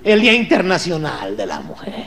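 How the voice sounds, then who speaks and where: A man with a Mexican accent doing live stand-up comedy, teasing the audience and breaking into shouted impressions. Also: fairly high pitch, wildly swooping pitch, brisk, gravelly. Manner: rowdy, teasing crowd work, bursts of shouted impressions. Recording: live show with loud crowd and noise. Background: loud audience laughter.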